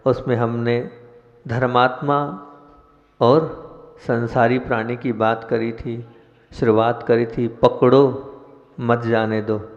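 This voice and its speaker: A man delivering a sermon with a gravelly, slow, measured voice. He keeps putting questions to his listeners. The sound is dull and carries a long hall reverb. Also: medium pitch. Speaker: Jain monk preacher. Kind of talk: sermon with chanted invocation.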